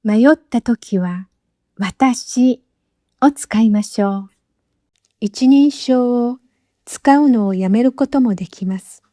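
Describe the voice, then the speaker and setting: A woman teacher giving a scripted lesson, speaking slowly and carefully with clearly spaced phrases, recorded as a voice-over. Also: on the high side, mellow, dry recording, clean studio sound. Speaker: Japanese teacher.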